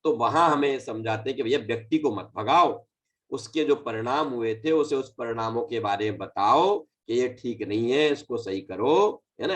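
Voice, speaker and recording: A man's voice: medium pitch, far from the mic. A man teaching a scripture class online, explaining patiently and correcting recitation.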